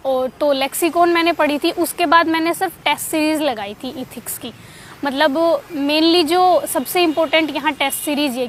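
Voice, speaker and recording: A woman's voice: high voice, slight background noise. A woman giving casual, conversational study advice with frequent fillers and restarts, as someone who passed the exam.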